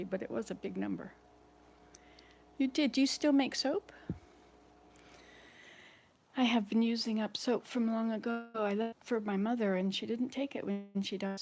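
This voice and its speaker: Her voice is mid-range, gravelly and darkish, with slight background noise. She is a vlogger in her sixties, at home indoors, talking casually to viewers as she cleans and wanders from chore to chore.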